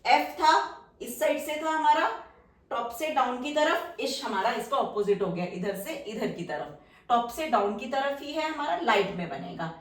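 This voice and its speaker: A woman's voice: on the high side, animated, normal speed, distant mic. A woman teaching a shorthand lesson at a whiteboard, patiently checking that her students follow. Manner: patient, checks understanding often. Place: roomy classroom-like space, drawing with a marker. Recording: echoey room, voice heard from afar.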